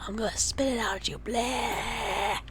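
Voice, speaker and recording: A young woman at a middle pitch, tired and playful as she chats through a gaming stream. She teases her partner, slips into soft half-whispers and hums little songs to herself. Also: expressive, moderate pace, background noise. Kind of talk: casual gaming chat.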